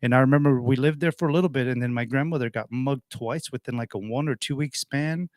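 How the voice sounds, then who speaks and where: In a fast, medium-pitched voice, a man in his 40s from Portugal, who hosts radio, rambles through his personal history, backtracking and fixing his words. The studio recording is clean, with no room sound.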